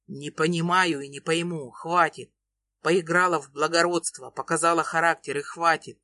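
A woman voicing a desperate young man in love, speaking in a low pleading growl. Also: steady tone, a little slow, fairly bright tone. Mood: angry. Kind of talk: audiobook reading.

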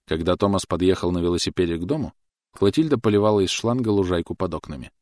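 A man narrating an audiobook in a measured, even reading voice. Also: sits low, no room sound. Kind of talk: scripted narration.

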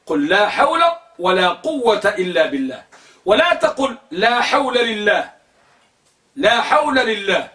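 A man's voice: sits high, a bit bright. A man giving a religious lesson, asking his listeners questions and repeating key words to drill their pronunciation. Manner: corrects pronunciation by drilling word forms. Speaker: religious teacher. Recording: echoey room, distant mic.

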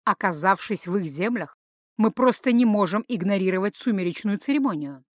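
A woman voicing a deliberate male companion in a fantasy audiobook, weighing each word. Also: medium pitch, expressive, dry recording, studio quality, natural voice. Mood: measured.

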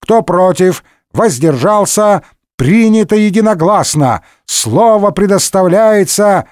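A man's voice: sits high, lively intonation, slow pace, darkish tone, dry recording, clean studio sound, voice pushed up. A man doing a brash bullying parliament speaker. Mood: rowdy. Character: rude, harried male parliament speaker.

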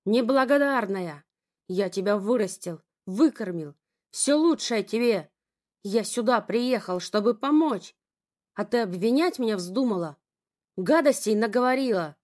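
A woman voicing an angry, domineering middle-aged father who shouts with contempt. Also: medium pitch, moderate pace, natural voice. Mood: furious.

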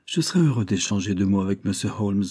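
A man's voice: lowish voice, expressive, quick pace, dark tone, slightly rough, dry recording, clean studio sound. A man reading the part of a lonely elderly man with a small, quavering voice. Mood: eager.

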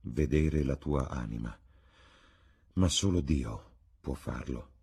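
Worried older painter type, low husky voice, earnest pleading tone. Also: male voice, lively intonation, slow pace, mellow, heavily acted. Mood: grave. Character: grave, troubled painter, older male friend. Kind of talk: audiobook reading.

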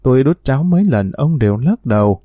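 A timid, deferential servant woman in a spoken story, as a man acts her out. She pleads politely and anxiously. The voice is mellow and recorded dry. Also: mid-range voice, expressive, fairly quick, dry recording, natural voice. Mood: pleading. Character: timid, pleading middle-aged female servant.

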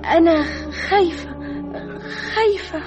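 A trembling mannequin come to life. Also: female voice, very high voice, a little slow, over music. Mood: frightened. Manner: trembling, fearful, breathless. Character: shop mannequin come alive, frightened young woman. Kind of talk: 1960s Egyptian radio drama acting.

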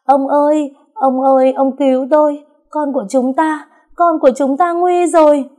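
A woman voicing a jealous, scheming second wife of the household, catty and shrill when she wails. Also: moderate pace, warm tone, natural voice. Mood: wailing. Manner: catty, then wailing shrilly.

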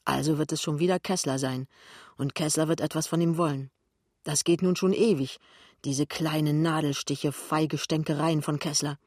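A man reading a novel aloud in a steady, plain storytelling manner. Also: fairly high pitch, moderate pace, no room sound, studio quality. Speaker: reader. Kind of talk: literary reading.

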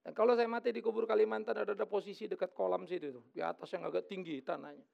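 A middle-aged male pastor preaching a lively, joking sermon in church. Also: high voice, quick pace, gravelly, highs cut off. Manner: lively, joking, acts out quoted voices.

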